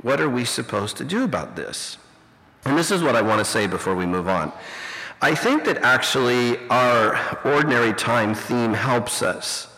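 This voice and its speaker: A man's voice: mid-range voice, lively intonation, moderate pace, bright, forceful tone. A middle-aged man preaching a conversational, reflective sermon as a pastor and teacher, full of "you know", heard through a fuzzy, distorted recording. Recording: distorted, reverberant hall recording.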